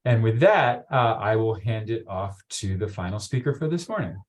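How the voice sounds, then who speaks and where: Slightly low-voiced man presenting casually. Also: animated, normal speed. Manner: loose, unscripted talk with many fillers. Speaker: conference speaker. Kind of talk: conference presentation.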